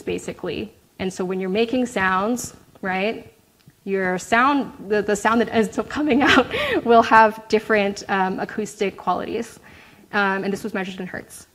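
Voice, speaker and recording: A woman at a mid pitch walks listeners through her research in an academic talk. She keeps it relaxed and conversational, checking in with a tag question after nearly every point. Light self-deprecating asides soften the technical parts. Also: moderate pace, poor audio. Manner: chatty, frequent "um" and tag "right?". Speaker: graduate student presenter. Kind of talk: academic presentation.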